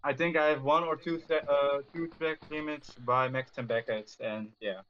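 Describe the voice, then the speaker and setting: A man's slightly high voice comes through a dull, lo-fi voice-chat connection. He is a racing driver in a casual interview, answering plainly and haltingly. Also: fairly even intonation, clean tone. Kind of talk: casual post-race interview.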